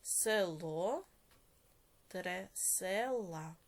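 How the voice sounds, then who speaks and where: Slow, deliberate Ukrainian woman teacher. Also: lowish voice, lively intonation. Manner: slow, deliberate, spelling out word parts. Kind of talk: recorded video lesson dictation.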